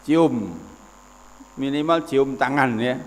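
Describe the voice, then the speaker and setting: A man's voice: mid-range voice, slow. Older man, 60s, folksy lecturing preacher; reverberant hall, faint hum. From West Sumatra, Indonesia. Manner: explanatory, folksy with personal anecdotes. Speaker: Islamic preacher. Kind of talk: religious lecture.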